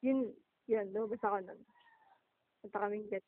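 A woman's voice: mid-range voice, fairly even intonation, moderate pace, very noisy. A young Filipino woman co-hosting a podcast, chatting and giggling over a phone call. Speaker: podcast co-host. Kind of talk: casual chat. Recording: tinny phone line.

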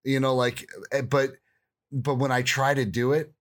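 A man's voice: medium pitch, little pitch movement, normal speed. Chatty joking man on a podcast. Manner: chatty, joking, lots of "like" and laughter. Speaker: podcast co-host. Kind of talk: casual podcast chat.

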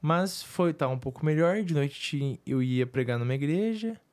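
A young man with a Brazilian Portuguese accent recounting a story in a casual couple vlog, relaxed and full of fillers. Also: a little high, measured pace. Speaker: preacher and vlogger.

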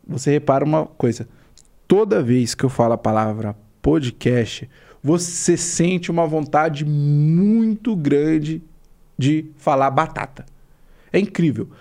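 A man with a Brazilian accent leading a hypnosis induction as a hypnotist, in soothing, repetitive commands with deliberate pauses. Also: medium pitch, a little mellow. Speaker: hypnotist guest.

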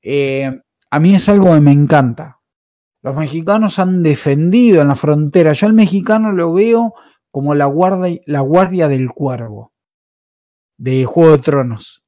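A man's voice: a little high, a little slow, mellow, no echo, studio quality. An Argentine man with an accent from Argentina, hosting a casual podcast chat, passionate and opinionated, wandering through his points. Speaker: podcast host.

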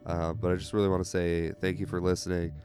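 A man's voice: low-pitched, flat delivery, fast, music in the background. A man hosting a casual podcast with a congested voice, rambling and joking at his own expense. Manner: rambling, self-deprecating jokes. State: congested from illness. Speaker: podcast host.

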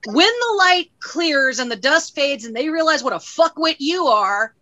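A woman's voice: high-pitched, expressive, unhurried, bright, forceful tone, dry recording, low-quality recording. A woman in a casual podcast chat, talking bluntly and with plenty of swearing. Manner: blunt, profane and dismissive.

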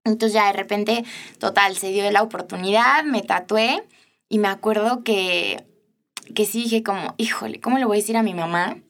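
A woman's voice: medium pitch, normal speed, vocal fry. Young Mexican woman telling a story. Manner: warm storytelling, laughing often. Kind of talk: casual chat.

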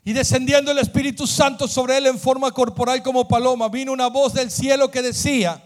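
High-voiced man preaching with fervor. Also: level tone, brisk. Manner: builds to shouted, emphatic preaching. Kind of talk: bilingual sermon with interpreter.

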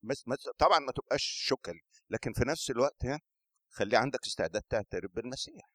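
A man with an Egyptian Arabic accent preaching a sermon, lively, often questioning the congregation and acting out scripture voices. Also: medium pitch, fast, no echo, studio quality.

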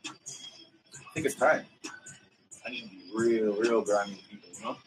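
A man's voice: on the low side, fairly even intonation, unhurried, distant mic, soft background music, poor audio. A man co-hosting a podcast, prodding the others with questions and laughing in casual chat. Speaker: podcast co-host.

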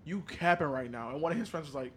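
Casting: young male, high-pitched and lively, teasing, profane, casual group banter. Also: fast. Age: young adult.

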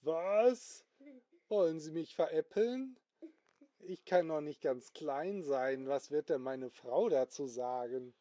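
A man's voice: mid-range voice, unhurried, dark tone, no room sound, natural voice. A man voicing an indignant, easily startled male car owner in a spoken bedtime story, with outraged exclamations.

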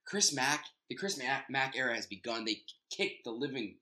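Man, podcast co-host, casual sports talk, joking, bright voice. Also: mid-range voice, animated, normal speed.

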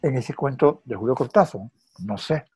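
Husky-voiced Venezuelan male co-host, rambling storyteller. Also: medium pitch, normal speed, warm tone. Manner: hesitant, repeats words, storytelling. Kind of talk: casual film chat.

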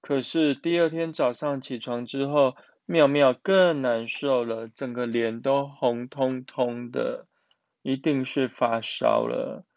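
A man narrating a children's picture book in a slow, expressive way. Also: mid-range voice, vocal fry, no echo, lo-fi sound. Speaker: storyteller.

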